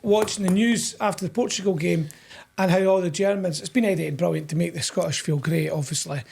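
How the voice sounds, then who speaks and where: A man's voice: high-pitched, fairly quick, vocal fry, darkish tone, slight background noise. A man co-hosting a podcast, trading teasing jokes in casual banter. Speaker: podcast co-host. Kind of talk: casual chat.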